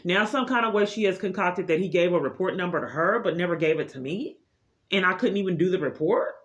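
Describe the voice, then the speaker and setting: A vlogger records a personal complaint in an unscripted monologue, her lowish voice expressive and a little fast as she insists on her grievances in an aggrieved way. The room is reverberant, and the audio is muffled, with heavy noise and clicks.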